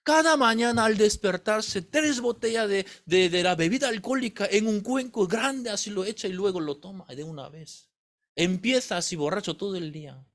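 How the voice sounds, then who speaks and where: A man's voice: normal speed, natural voice. A man voicing a tearful, pleading wife. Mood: complaining. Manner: tearful, pleading, high-pitched. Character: distressed middle-aged woman pouring out her troubles.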